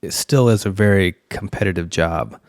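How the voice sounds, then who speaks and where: A man's voice: deep voice, moderate pace, no echo, clean studio sound. A man hosting a casual podcast interview, asking questions and answering with short affirmations. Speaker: podcast host.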